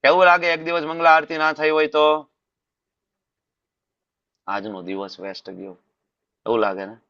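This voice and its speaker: A man with a Gujarati accent delivers a scripture-class sermon with a bright, forceful voice. He keeps asking rhetorical questions and repeating key phrases. The sound is dry and slightly muffled. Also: on the high side, moderate pace, no echo. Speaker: preacher.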